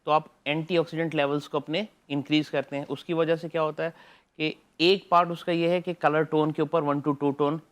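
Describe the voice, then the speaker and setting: A man with a Pakistani accent, a doctor guest on a TV studio interview, explaining treatments at length in a measured way, with English phrases mixed in. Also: a little high, level tone, clean tone.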